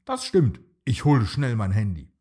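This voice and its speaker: Patient storybook dino dad, gentle and lively, as a male narrator puts him on, husky voice. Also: fairly low pitch, normal speed. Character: kind patient father dinosaur.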